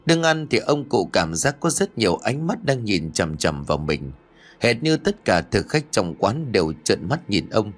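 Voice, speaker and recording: A man narrating a scripted horror story, telling it in a dramatic and animated way. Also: fairly low pitch, moderate pace. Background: faint music.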